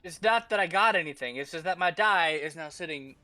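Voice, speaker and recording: A man's voice: fairly high pitch, lively intonation, a little fast, bright, forceful tone, no echo, faint music behind. A man playing his character in a tabletop game, chatty and cheerful, a little scattered. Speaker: player.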